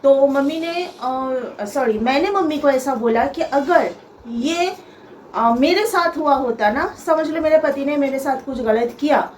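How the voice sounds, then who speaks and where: A young woman telling a personal story on her vlog, aggrieved and emphatic, repeating herself and pausing often to restart. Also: high voice. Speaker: vlogger. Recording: echoey room with faint ambient noise.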